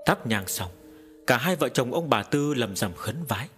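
Man narrating an audiobook, animated. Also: medium pitch, moderate pace, faint music behind. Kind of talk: storytelling narration.

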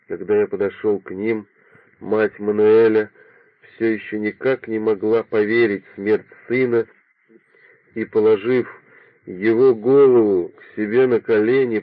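A man with a fairly low voice reads a literary audiobook aloud. The recording is narrow and phone-like. It is dry, with no room echo. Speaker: audiobook reader.

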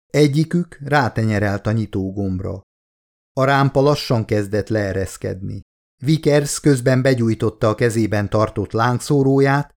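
A man reading his own novel aloud in a steady, dramatic audiobook narration. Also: lowish voice.

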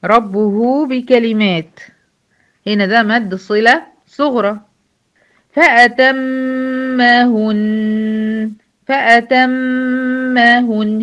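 Egyptian woman, Quran teacher, mid pitch, slow drawn-out recitation between quick explanations, muffled low-fi sound. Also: fairly bright tone. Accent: Egyptian Arabic. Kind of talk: tajweed lesson.

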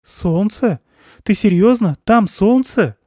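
A man's voice: on the high side, expressive, moderate pace, mellow, dry recording, studio quality, pitched above the performer's own voice. A man voicing a frightened wife who fires off anxious questions in a story reading.

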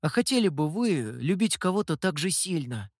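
A man reading as an idealistic young scribe with a raised, eager voice that swings between pleading and outrage. The delivery is lively and animated, and the recording is dry and close. It is an audiobook character voice, with the young man easily stirred to anger. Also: a little high, normal speed, no room sound. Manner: pleading, indignant. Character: earnest young male scribe, idealistic and hot-tempered.

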